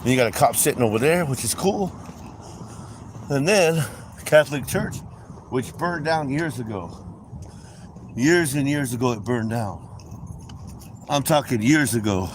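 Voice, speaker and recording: A middle-aged man rambles casually into a phone, filling his talk with "anyway" and "um." He talks from inside a car on city streets. Traffic and street noise come through clearly. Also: mid-range voice, expressive, unhurried, pauses often. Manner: rambling, chatty, with frequent "anyway" and "um". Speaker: livestream host. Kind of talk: casual storytelling while driving. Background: traffic and city ambience.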